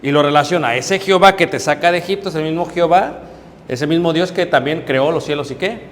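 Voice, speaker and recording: A middle-aged man, a preacher, teaching a Bible class, explaining step by step, checking in with his listeners and pausing on hesitant fillers. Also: fairly high pitch. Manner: hesitant fillers while searching for words. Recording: reverberant hall with faint background noise.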